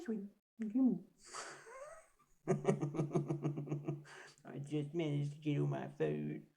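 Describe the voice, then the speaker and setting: Woman, 40s, casual home vlogger; low voice that swings wide, rambling, coos at a cat. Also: vocal fry, warm tone. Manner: coos in high sing-song baby talk to a cat; meandering, chatty, talks to herself. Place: home, on a swivel chair by a sofa.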